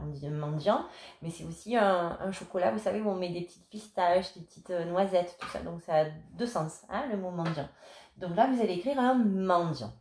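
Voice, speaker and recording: A woman's voice: medium pitch, darkish tone. Patient woman teacher dictating in echoey room. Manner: slow, clear, patient dictation. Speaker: primary school teacher. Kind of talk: remote lesson for young children.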